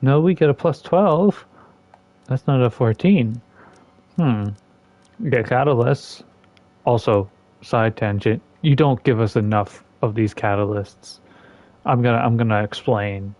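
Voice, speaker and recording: A gaming content creator rants sarcastically while playing a game, in an exasperated, casual commentary style, with lively swings in pitch and loudness. He speaks at a measured pace. The recording is dry and muffled.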